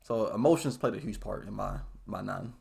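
A man's voice: lowish voice, brisk, creaky, warm tone, breathy edge. A young American man hosting a casual anime chat, thinking aloud in an earnest, hesitant way. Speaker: podcast host.

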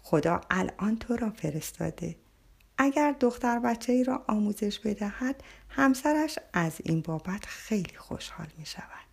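A woman reading the part of a gentle young woman's spirit who coaxes and whispers advice. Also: mid-range voice, animated, creaky, husky. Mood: coaxing.

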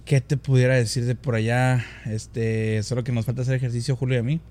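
A man's voice: medium pitch, level tone, fairly quick, darkish tone. A man with a Sonoran, northern Mexican accent in a casual chat, slangy and sweary, repeating phrases for emphasis.

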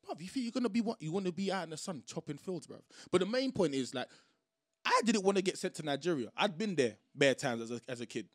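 A man's voice: high voice, lively intonation, fast talker, no room sound, clean studio sound. A young man with a London roadman accent, telling stories in a slangy, emphatic, sweary way in a casual group chat. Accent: London roadman, Multicultural London English.

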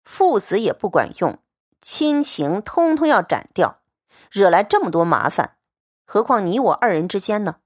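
A woman's voice: medium pitch, big pitch swings, normal speed, darkish tone. A woman voicing a cold, aloof young noble girl who speaks with scorn. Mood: cold scornful. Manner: scornful, lecturing.

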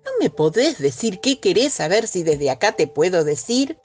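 A woman's voice: lowish voice, big pitch swings, normal speed, a little mellow, faint music behind. A woman playing an exasperated, scolding mother with a Rioplatense accent. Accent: Rioplatense Spanish. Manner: stern, exasperated.

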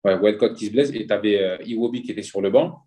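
A man with a fairly low voice speaks as a footballer guest in a casual interview. He tells stories in an animated way, plays out the dialogue and trails off with loose fillers. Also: fast talker. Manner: lively anecdote-telling, acts out dialogue, frequent trailing fillers.

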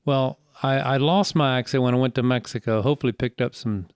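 This is a casual interview with a sixty-something man from Greenville, South Carolina, a church elder with a Southern accent who rambles in a relaxed, folksy manner. He talks fairly quickly at a medium pitch, his tone steady, clear and resonant, in clean studio sound without echo.

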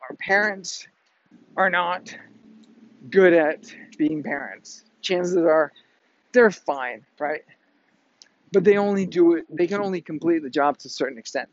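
A man's voice: on the high side, muffled recording. A man giving a blunt motivational monologue to his viewers outdoors, swearing freely and tagging his points with "right?". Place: outdoors in the wind.

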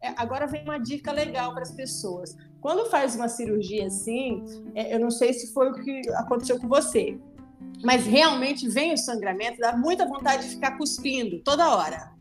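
A woman with a high voice hosts a podcast and walks through dental aftercare step by step. She explains in a patient way and keeps asking whether the listener follows. Music runs clearly behind her. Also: animated, moderate pace. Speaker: dentist and podcast host.

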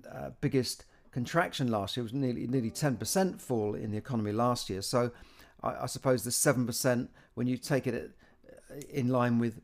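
A British man muses aloud about the economy in a loose, unscripted way. He trips over his words, restarting phrases and doubling up small words as he goes. His voice sits at an ordinary middle pitch for a man. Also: a little mellow. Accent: British English. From Britain. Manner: halting, many restarts and repeated words. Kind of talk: casual spoken commentary on economic news.

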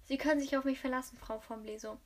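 A woman's voice: sits high, steady tone, fast talker. A woman voicing a loyal male servant who speaks in a formal, obliging way.

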